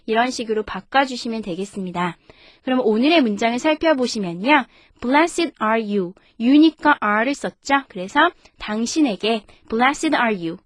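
A woman, an English teacher, reading a Bible story slowly in two languages, then explaining phrases in a friendly, careful way. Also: a little high, no echo, clean studio sound.

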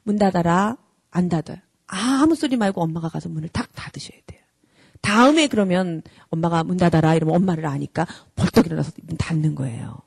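A woman's voice: fairly low pitch, a little fast, creaky, slightly rough, no echo. A woman who heads a character school, giving an earnest, direct lecture to parents and acting out scolding parents as she goes. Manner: acts out scolding parents in lively mimicry.

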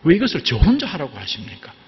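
A man's voice: on the high side, huge pitch swings, quick pace, long reverb tail, dull audio. A man voicing a weary aged male prophet who pleads with God to be released from his burden, in an exasperated, pleading way. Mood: despairing.

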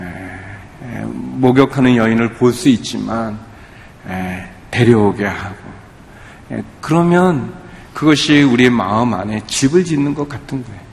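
A male pastor preaching a sermon in a relaxed, conversational way, pausing often with fillers. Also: mid-range voice, vocal fry. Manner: conversational, halting with many fillers. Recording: echoey hall.

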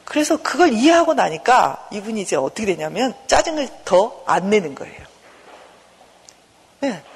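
A woman professor giving a lecture, lively and acting out inner dialogue. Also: medium pitch, normal speed, breathy edge, long reverb tail.

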